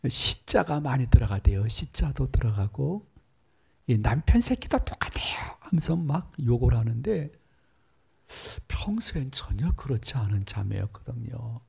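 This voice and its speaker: A man's voice: very animated, measured pace, gravelly, a little mellow, husky. A middle-aged male pastor preaching in a church, telling a story and acting out the voices in it. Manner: storytelling, acts out dialogue with big pitch jumps. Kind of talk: sermon. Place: church sanctuary.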